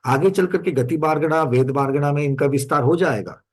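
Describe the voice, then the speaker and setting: A man with a slightly high voice teaches a scripture lesson over an online class. He recites verses slowly and drawn out, then explains them, asking his students questions as he goes. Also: husky. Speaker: religious teacher. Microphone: screen-sharing online class.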